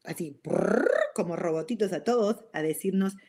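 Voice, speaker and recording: A woman with a Rioplatense Spanish accent talks about self-love in a relaxed, expressive way. She often restarts her sentences and slips English words into her Spanish. She keeps turning to her listeners with a quick "ok?". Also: fairly low pitch. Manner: addresses listeners directly with frequent "ok?". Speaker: self-help speaker. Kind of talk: casual motivational talk.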